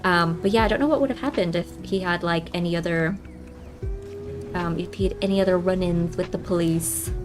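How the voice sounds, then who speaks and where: A woman's voice: on the low side, fairly quick, music in the background. A young woman hosting a game livestream, telling a story in a rambling, chatty way with lots of fillers and restarts, often calling her viewers guys. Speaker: livestream host.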